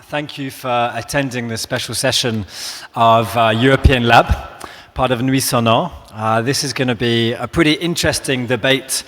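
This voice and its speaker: A man's voice: medium pitch, fairly bright tone. London man moderating in an echoey hall. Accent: London English. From London, England. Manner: quick talker with frequent fillers. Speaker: panel moderator. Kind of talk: live panel introduction. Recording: echoey hall with long reverb.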